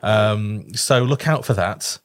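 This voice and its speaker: A man's voice: lowish voice, slow pace. A British man hosting a podcast with casual, teasing banter. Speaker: podcast host.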